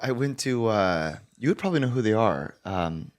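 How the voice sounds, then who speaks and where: Male pastor, low voice, animated storyteller, casual podcast. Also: normal speed. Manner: animated anecdote teller, laughs often.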